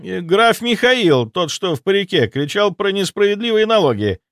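A man voicing the frantic ghost of an old-time army officer, shouting breathless, indignant reports in an audiobook. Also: sits high, very animated, normal speed, no echo, clean studio sound, pitched above the performer's own voice. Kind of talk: audiobook character voice.

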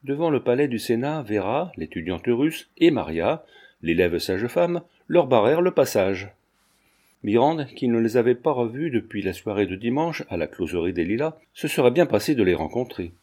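In a medium-pitched voice, a male audiobook narrator reads scripted passages from a 19th-century novel. His storytelling is steady and measured.

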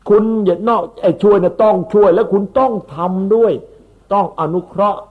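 A man, a monk, giving an unhurried Dhamma sermon that explains Pali terms and repeats his words. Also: high-pitched, steady tone. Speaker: Buddhist monk. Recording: tinny phone-like recording.

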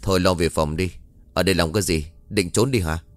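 A man's voice: sits low, steady tone, fairly quick, no room sound, soft background music, close to an everyday voice. A man playing a stern, scolding mistress. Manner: scolding, curt. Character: stern middle-aged woman, sharp bossy mistress.

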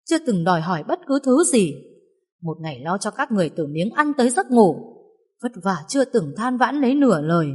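A woman's voice: medium pitch, slightly rough. A woman voicing a fierce, furious young wife in a reverberant recording. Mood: bitter. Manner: shouting angrily. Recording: long reverb.

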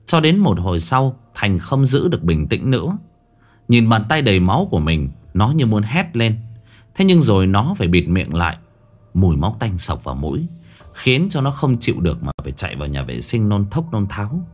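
A man narrating a horror story in a dramatic, expressive way. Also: on the low side.

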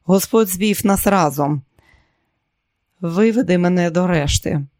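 A gentle middle-aged monk with a quiet, kindly voice, as a male narrator plays him. The tone sits a little high and calm. The reading is dry and close. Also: unhurried, dry recording. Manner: quiet and kind.

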